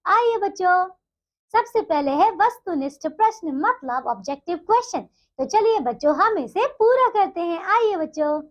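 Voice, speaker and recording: Woman, very high pitch, schoolteacher, gentle coaxing manner, slow sing-song recitation of verse, dull lo-fi recording. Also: lively intonation. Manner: sweet, coaxing teacher tone that keeps checking in with the children. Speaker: teacher. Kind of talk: primary school Hindi lesson for children.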